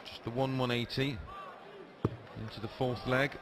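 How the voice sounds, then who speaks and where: A man's voice: medium pitch, little pitch movement, measured pace. A man giving conversational live darts analysis as co-commentator, with a noisy crowd behind him. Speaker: co-commentator and former darts player.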